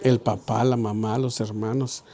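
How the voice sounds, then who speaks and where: A man's voice: lowish voice, little pitch movement, a little slow, warm tone. A middle-aged man, a pastor leading a Bible study, telling stories and acting out the dialogue conversationally. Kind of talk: Bible study sermon with storytelling.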